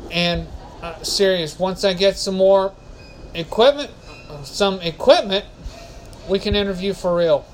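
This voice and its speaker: Slow-talking high-voiced man hosting a podcast. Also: slight background noise, poor audio. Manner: rambling, self-correcting. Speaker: podcast host. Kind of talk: casual solo podcast.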